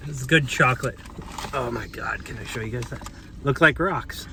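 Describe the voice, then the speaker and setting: A creaky, mid-range voice at a moderate pace belongs to a man vlogging his travels outdoors on town streets. His casual chat wanders with lots of fillers and restarts, while traffic noise passes by.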